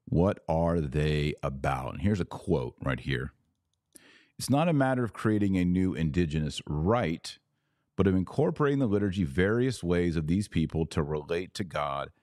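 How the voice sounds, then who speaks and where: He has a deep, darkish voice, captured in a dry, studio-quality recording. The Texas-born solo podcast host gives opinionated commentary with sardonic emphasis, often varying his pace.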